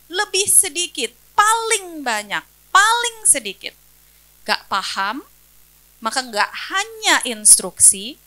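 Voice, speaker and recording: A woman's voice: high voice, sharp tone. A woman speech-language pathologist giving an educational talk for parents, explaining step by step, asking rhetorical questions and answering them, and listing examples one by one.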